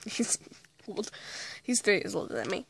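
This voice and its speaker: Her mid-range voice is sing-song and unhurried, gravelly with a breathy edge, in a dry recording. This vlogger, playing a made-up actress, chats through a meandering story full of self-corrections, a little sick with a cold and her voice starting to give out.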